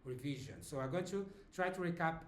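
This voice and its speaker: A man teaching a beginners' language lesson, speaking slowly and clearly and checking in with the learner often. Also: fairly high pitch, very animated, a bit bright, reverberant, a little hiss or hum. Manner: slow, clear teaching with frequent check-ins.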